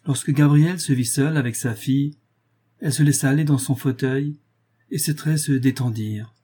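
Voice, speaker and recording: Mellow, husky male novel narrator. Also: mid-range voice, normal speed. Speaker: audiobook narrator.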